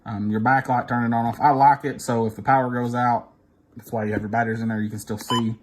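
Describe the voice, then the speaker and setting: This instructor talks fast and flat at medium pitch as he demonstrates a device in a casual hands-on tutorial. He works through the steps unscripted, thinking aloud while pressing buttons, and device clicks and beeps make the recording noisy.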